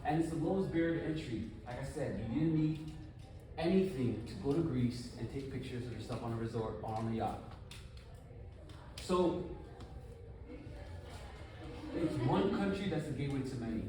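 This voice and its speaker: A man from the United States giving an animated, conversational conference talk full of rhetorical questions. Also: mid-range voice, a little fast, noisy background. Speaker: conference speaker. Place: conference hall. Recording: echoey room, from far off.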